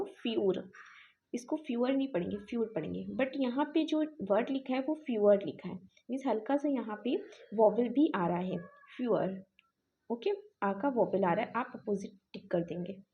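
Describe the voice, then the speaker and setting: Woman teacher going slow, spelling stuff out letter by letter, keeps saying okay, warm low-key tone. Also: lo-fi sound. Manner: spells words letter by letter, checks in with frequent "okay". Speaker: shorthand teacher. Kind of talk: online class explanation.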